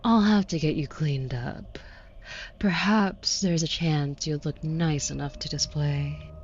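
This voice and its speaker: A woman's voice: low voice, takes it slowly, lo-fi sound, a little hiss or hum. A woman playing a haughty, predatory demon buyer in an intimate audio roleplay, taunting with condescending, mock-sweet cruelty. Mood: menacing, taunting.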